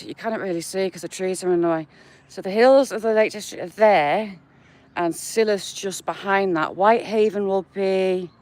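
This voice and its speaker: A woman's voice: medium pitch, darkish tone, no room sound. A woman with a northern English accent, chatting to her viewers by name while walking outdoors in the countryside. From England. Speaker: vlogger. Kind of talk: casual live-chat walk vlog.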